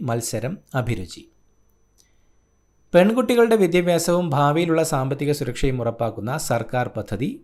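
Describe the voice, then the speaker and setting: Tutor from Kerala, male, mid-pitched, brisk clipped delivery of exam answers. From Kerala, India. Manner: brisk, listing answers in short clipped phrases. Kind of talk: reading out an exam answer key.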